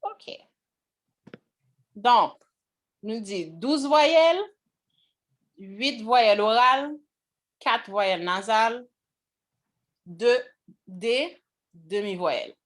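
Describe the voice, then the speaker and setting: A woman teaching a language class on pronunciation, pausing often to check whether the students follow. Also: fairly high pitch, expressive.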